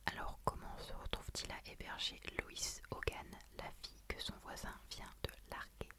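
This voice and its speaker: A woman doing ASMR in a soft, breathy library whisper, talking about books and reading out blurbs. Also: normal speed. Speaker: ASMR creator.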